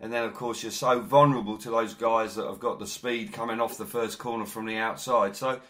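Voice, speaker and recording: A male sports interviewer with a medium-pitched voice. He talks conversationally and with enthusiasm. His questions come wrapped in long, wordy recaps of the racing. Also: fairly even intonation, a little fast, a bit bright.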